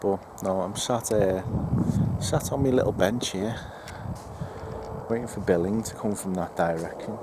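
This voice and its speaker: Outdoors in the woods at night, a man investigating the paranormal calls out to spirits and cracks dry, wry jokes to the camera. His voice is fairly low and unhurried, with background noise behind it.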